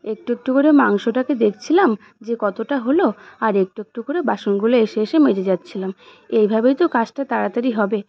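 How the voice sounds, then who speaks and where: A young woman vlogs from her home kitchen, chatting casually with viewers as she narrates her cooking and chores step by step. Her voice is on the high side, gravelly, and fairly quick. The dull lo-fi home recording has no echo.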